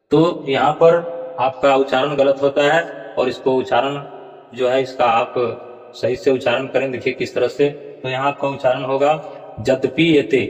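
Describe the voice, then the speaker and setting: A man teaching the pronunciation of scripture verses, slowly repeating words and stressing each syllable. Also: medium pitch. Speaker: Gita recitation teacher. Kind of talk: explanatory Sanskrit pronunciation lesson. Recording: dull, lo-fi with long reverb.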